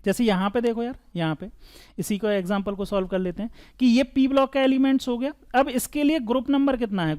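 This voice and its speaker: Male teacher, clear smooth voice, board lesson, asks and answers his own questions, chatty. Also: extremely high pitch, a little mellow. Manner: casual, chatty classroom tone. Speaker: chemistry teacher.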